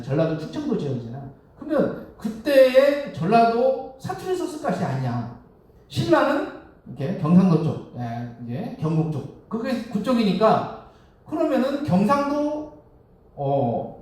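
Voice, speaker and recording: A man preaching a relaxed Sunday sermon, his voice fairly high and swinging widely in pitch as he quizzes the congregation and chuckles along the way. He is heard from a distance across a very echoey temple hall. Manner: conversational, asks the congregation questions, chuckles often. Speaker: Won Buddhist minister.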